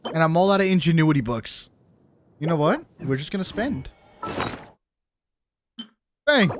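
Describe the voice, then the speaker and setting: A man with a voice on the high side and a sing-song lilt talks at a measured pace against a noisy background. Streaming live from his gaming setup, he casually chats with viewers mid-game, teasing them in slang and swearing now and then.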